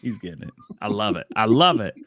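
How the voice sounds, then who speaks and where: A man's voice: lowish voice, sing-song, a little fast, fairly bright tone, slight background noise. A man hosting a livestream, chatting casually and laughing often, with playful sound effects. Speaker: livestream show host.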